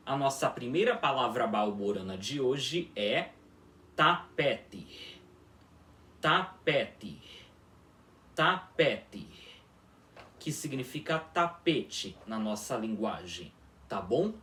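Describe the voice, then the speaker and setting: A man gives a slow, deliberate language lesson, his pitch rising and falling in lively swings as he keeps checking whether the listeners follow. He sounds set back from the microphone in an echoey room. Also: distant mic. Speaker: teacher of an invented language. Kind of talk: formal video lesson.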